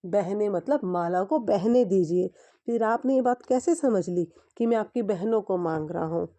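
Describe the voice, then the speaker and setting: A woman voicing a quick-witted male royal courtier who answers politely but sharply, in a storytelling lesson. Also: mid-range voice, warm tone, lightly acted. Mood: quick retort.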